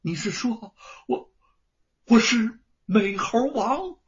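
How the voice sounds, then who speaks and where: A man's voice: very high-pitched, expressive, slow pace, fairly bright tone, slightly rough, pitched above the performer's own voice, exaggerated voice. A man storyteller voicing a grieving male scholar who sobs and cries out in bitter self-reproach, on a dull lo-fi recording. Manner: sobbing, cracking outbursts.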